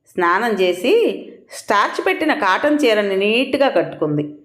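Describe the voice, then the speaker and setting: A woman narrating a family drama audio story in an expressive storytelling manner. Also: medium pitch. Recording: roomy echo.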